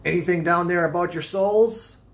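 A man's voice: high-pitched, moderate pace, voice pushed up. A man voicing a ragged, wild-eyed old sailor who talks in cryptic, insistent old seafaring dialect. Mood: mocking.

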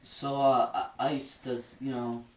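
A man's voice: medium pitch, flat delivery, takes it slowly, natural voice. A man playing an earnest young gang leader in a homemade comedy skit, hesitant and rambling. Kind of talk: amateur comedy skit acting. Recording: echoey room.

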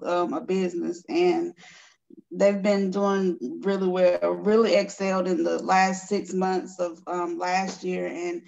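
A woman's voice: lowish voice, gravelly. A woman giving a hesitant, impromptu testimony to her church over a video call from home. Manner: soft, hesitant, many ums. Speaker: church member. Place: home, indoors. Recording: dull lo-fi video call audio.

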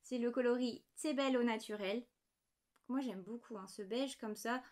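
A woman in her thirties with a slightly high voice chats casually from her home desk. She shows off small knitting items, often apologizing and pausing over the little details. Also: darkish tone. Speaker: knitting podcast host. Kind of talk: casual show-and-tell chat.

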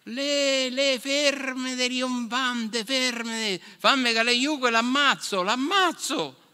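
A man voicing a huge boastful warrior who shouts, in a Marche dialect from the Fabriano area. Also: very high-pitched, takes it slowly, smooth, voice pushed up, heavily acted. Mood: panicked shouting. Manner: shouting, blustering. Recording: reverberant hall.

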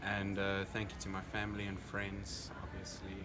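A man's voice: low voice, completely flat delivery, moderate pace. A young man with a South African accent giving a casual interview as a competitor just after performing. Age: young adult. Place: indoor convention venue. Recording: clear background noise, busy event venue.

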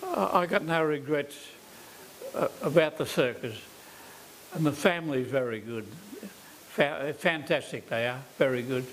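A man's voice: on the high side, unhurried, slight background noise, low-quality recording. Ninety-something circus man. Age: 90s. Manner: plain-spoken, repeats himself warmly. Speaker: circus performer. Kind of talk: reflective interview answers.

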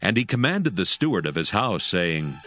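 Lowish animated male scripture narrator. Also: moderate pace, faint music behind.

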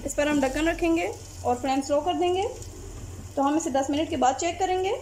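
A woman calmly explaining a recipe step by step as a cooking channel host. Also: high voice, brisk, a little hiss or hum. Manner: calm, plain, methodical. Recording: loud frying sizzle behind voice.

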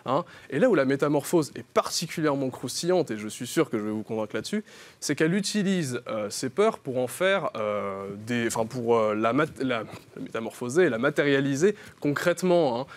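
Playful young man pitching a concept. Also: expressive, normal speed. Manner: playful salesman tone, many fillers. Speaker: columnist. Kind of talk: mock sales pitch commentary.

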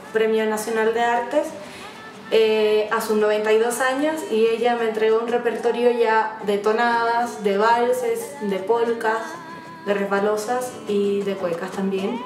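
A Chilean folk singer in her twenties who speaks in a soft, reflective way with frequent pauses, in a documentary interview. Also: fairly high pitch, fairly even intonation. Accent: Chilean Spanish. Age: 20s. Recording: roomy sound from some distance, faint music under it.

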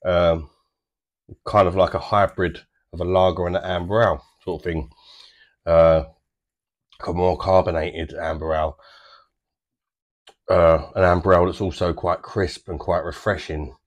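A deep-voiced British man in his thirties talks through a beer tasting to camera. He is chatty and easygoing, drifting through fillers and loose descriptions. He is recorded close up in a small home bar room. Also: little pitch movement, a little slow, pauses often. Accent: British English. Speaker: beer reviewer. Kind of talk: casual review to camera.

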